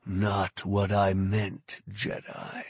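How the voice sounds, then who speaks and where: A man doing a grim, husky bounty hunter. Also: lowish voice, monotone, very slow, dry recording, clean studio sound, heavily acted. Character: grim hardened male bounty hunter, curt. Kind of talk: audiobook narration.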